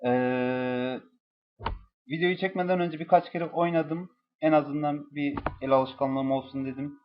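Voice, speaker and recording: A young man doing a profane, exasperated comedic review of a mobile game, cursing and yelling at it. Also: a little high, dull audio.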